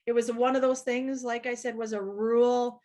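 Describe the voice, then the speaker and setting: A middle-aged woman in casual chat, agreeable and quick to laugh, with grown children. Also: a little high, flat delivery, mellow. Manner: chatty, agreeable, laughs often. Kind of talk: casual chat among friends.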